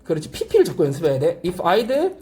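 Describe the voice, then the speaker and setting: Brief: animated, mellow-toned language teacher; repeats drill phrases, prompts students with quick check-ins. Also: mid-range voice. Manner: asks frequent rhetorical check-questions. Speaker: English teacher at a language academy. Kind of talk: classroom grammar lecture.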